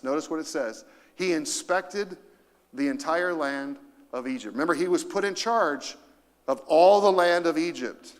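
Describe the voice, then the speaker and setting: A man preaching in a church sanctuary, his voice sitting a bit high for a man. He presses his points through emphatic repetition and calls on the congregation to read along. A long reverb trails behind every phrase. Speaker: pastor. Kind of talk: sermon.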